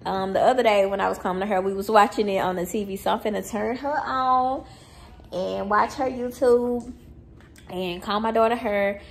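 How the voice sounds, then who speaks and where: A woman's voice: medium pitch, fairly even intonation, moderate pace, creaky. A woman, vlogging casually as a mother, chatty and playful, laughing often. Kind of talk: casual vlog chat. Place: out and about, car, mall and stores. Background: loud background music.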